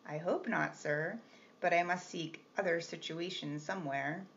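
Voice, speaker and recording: A woman's voice: lowish voice, steady tone, unhurried. A woman reading the part of a composed young governess, polite but firm and restrained. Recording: slightly muffled with faint hiss.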